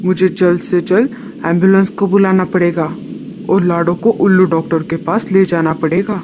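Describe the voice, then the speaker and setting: A man's voice: sits high, flat delivery, moderate pace, background noise, close to an everyday voice. Kalu, a man voicing a caring male crow. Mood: alarmed. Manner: urgent, caring. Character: kind male crow, helpful uncle to the chick.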